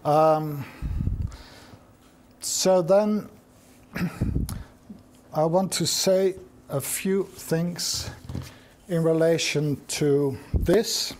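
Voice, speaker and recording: A middle-aged man lecturing at a seminar, with a voice that sits a little higher than most men's. He thinks aloud as he goes, pausing often and restarting his sentences. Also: darkish tone, slight background noise. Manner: reflective, thinks aloud with frequent restarts and ums. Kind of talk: academic seminar talk.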